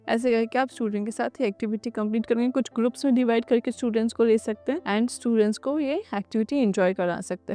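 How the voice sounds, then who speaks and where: A woman trainer talks teachers through a kindergarten lesson plan. She explains each step in turn and slips English phrases into her Hindi. Her voice sits a little high. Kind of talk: instructional lesson plan walkthrough.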